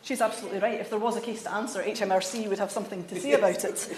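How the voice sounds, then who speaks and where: A woman's voice: medium pitch, steady tone, rapid-fire, darkish tone, roomy sound, a little hiss or hum. A woman member of parliament giving an earnest, insistent debate speech, with stumbles and self-corrections. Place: debating chamber.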